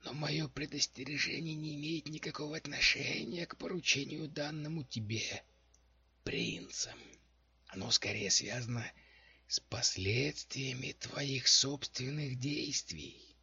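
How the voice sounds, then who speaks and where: A man reading aloud, voicing a gaunt female elf necromancer who speaks in a slow, hoarse whisper, heard in a dull lo-fi recording. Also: medium pitch, animated, bright, forceful tone, pitched above the performer's own voice, full character voice. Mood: ominous.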